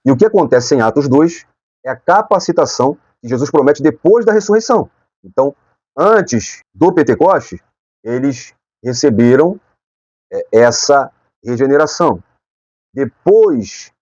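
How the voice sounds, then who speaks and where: A man's voice: mid-range voice, lively intonation, normal speed, a little mellow, no echo, muffled recording. A man with a Brazilian Portuguese accent teaching a Sunday school Bible lesson, explaining point by point and often checking in with his listeners.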